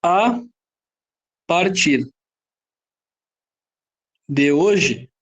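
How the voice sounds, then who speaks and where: Brazilian male teacher, high register, lecturing style, constantly checks the class with quick questions. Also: lively intonation, fairly bright tone. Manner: explains with frequent rhetorical questions and "tá?" checks. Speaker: Portuguese teacher.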